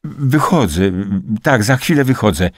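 A man voicing an anxious, flustered young woman in an audiobook, talking fast and pleading. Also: mid-range voice, big pitch swings, darkish tone, dry recording, clean studio sound, pitched above the performer's own voice, natural voice.

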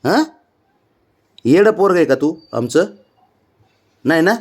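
A man's voice: on the high side, expressive, slow, darkish tone. A man at home chatting to his cat, coaxing and teasing it in baby talk. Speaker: cat owner filming his pet. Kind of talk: casual talk to a pet.

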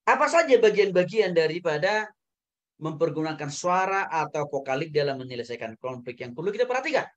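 Man, pastor, teaching a Bible class, animated lecture, loud emphatic highs, soft low asides, frequent tag words. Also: a little fast, lo-fi sound. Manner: animated, often tags phrases with "ya" and "saudara".

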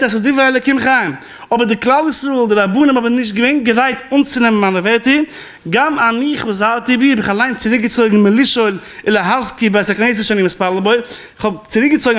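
A man's voice: sits high, a bit bright. A man giving a rabbinic law class as a spoken lecture, explaining and quoting sources, with an occasional chuckle.

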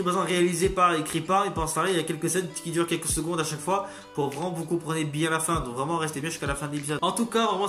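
Excitable male reviewer who rambles and curses, recorded in a roomy space with soft music under him. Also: fairly high pitch. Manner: rambling, excitable, swears freely. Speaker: video critic. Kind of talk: casual spoken review. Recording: roomy echo, faint music behind.

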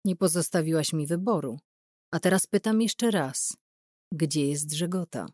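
A coldly persuasive male interrogator from an audiobook drama, voiced by a woman narrator. He speaks slowly and evenly, pressing with quiet coaxing menace. The voice sits fairly low and is recorded dry and close. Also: dry recording. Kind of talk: audiobook character reading.

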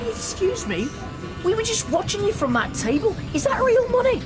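An actress playing a shrill, indignant diner in a comedy radio drama, with music underneath. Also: female voice, very animated, moderate pace. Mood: outraged. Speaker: outraged diner.

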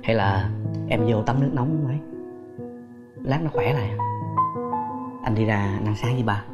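An actor playing a worried grown son and husband, speaking in an anxious, pleading way. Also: male voice, on the low side, moderate pace, dull audio, close to an everyday voice. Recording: loud background music score.

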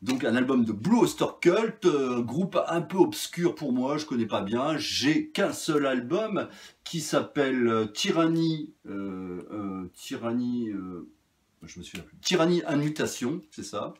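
A man's voice: medium pitch, big pitch swings, unhurried. A man casually reviewing his vinyl finds, chatty and rambling with many fillers and restarts. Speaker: record collector vlogger.

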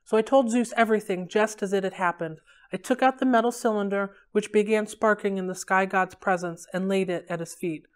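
A woman hosting a library read-along, reading a novel aloud in a steady, unhurried way. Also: mid-range voice, smooth.

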